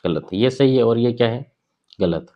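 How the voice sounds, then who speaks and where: A man teaching a grammar lesson at a board. He asks questions and answers them himself, and he repeats key words slowly. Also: mid-range voice, dull audio.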